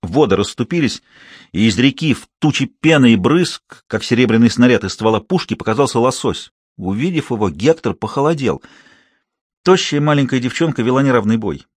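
Male audiobook narrator, steady reading, mid-range voice, dry booth. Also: medium pitch, fairly quick, dry recording. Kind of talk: scripted narration.

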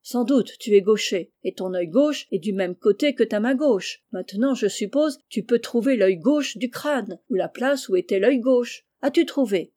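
A woman voicing an excitable eccentric man. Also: fairly high pitch, moderate pace, hardly any pauses. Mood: urgent. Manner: urgent, commanding questions. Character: excitable eccentric man, obsessed treasure seeker.

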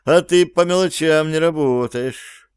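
Man voicing a cool male ringleader, unhurried, teasing, smooth clear tone. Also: on the high side, no room sound, clean studio sound, pitched above the performer's own voice, natural voice. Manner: calm, commanding, mocking. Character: cool, cocky male leader of a gang.

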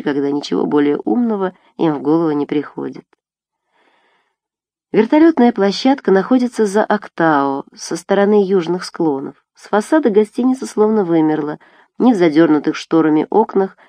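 Woman audiobook reader, lowish voice, wry even narration, dead dry studio. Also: no echo.

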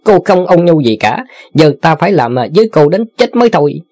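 Brief: man playing cocky, lecherous young rascal for an audiobook, lively pitch, dry. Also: fairly quick, dry recording. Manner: boastful, wheedling. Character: cheeky lecherous young male rogue. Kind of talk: audiobook character voice.

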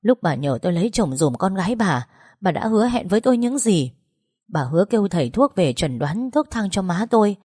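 A woman voicing a grief-stricken young wife who shouts sharp, bitter accusations in a storybook reading. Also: mid-range voice, very animated, fairly quick, husky, no echo, clean studio sound. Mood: furious.

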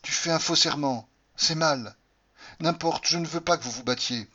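A man's voice: on the high side, lively intonation, fairly quick, fairly bright tone, voice pushed up. A man voicing a tearful anguished young woman. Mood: insistent. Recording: slightly dull lo-fi recording.

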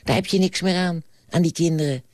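A man voicing a lovestruck nine-year-old boy, hushed and conspiratorial, in a storybook reading. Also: fairly high pitch, brisk, no echo, voice pushed up, natural voice.

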